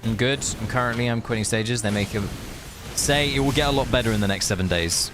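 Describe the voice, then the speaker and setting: With music playing behind him, a man streams a game and talks quickly at a medium pitch. His commentary mixes casual chat and read-aloud bits, delivered in an easygoing, pally, jokey manner over a faint hiss.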